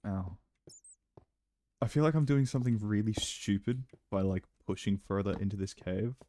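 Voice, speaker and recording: A young man giving casual let's-play commentary, chatty and rambling, breaking into excited outbursts now and then. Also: fairly low pitch, normal speed. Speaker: gameplay commentator.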